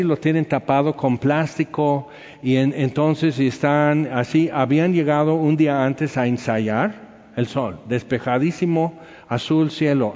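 A man tells his testimony as an evangelist, rambling with lots of fillers. His mid-pitched voice rings out with a long reverb. The recording sounds dull and lo-fi. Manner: animated, rambling, frequent fillers. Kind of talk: personal testimony storytelling.

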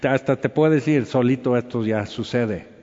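A man tells his testimony as an evangelist, rambling with lots of fillers. His mid-pitched voice rings out with a long reverb. The recording sounds dull and lo-fi. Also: unhurried. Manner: animated, rambling, frequent fillers. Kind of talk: personal testimony storytelling.

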